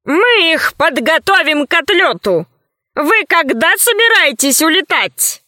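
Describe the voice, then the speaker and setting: Woman doing a polite male doctor, slow and deliberate, high thin voice, dry sound. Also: sing-song, bright, forceful tone, no room sound, full character voice. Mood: courteous.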